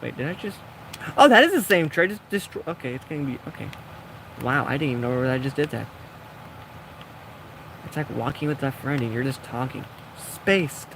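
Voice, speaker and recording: A man's voice: mid-range voice, fairly quick, vocal fry, pauses often, noisy background. A young man giving casual, rambling commentary while playing a building game, often talking to himself. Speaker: gaming vlogger.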